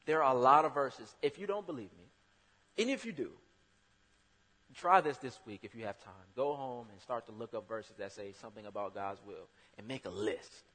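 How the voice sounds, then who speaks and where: A man delivers a sermon in a husky voice of middling pitch. He keeps it conversational but punches key words loudly. The sound carries a long hall reverb. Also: expressive, moderate pace. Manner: conversational, with sudden loud emphatic bursts. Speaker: preacher.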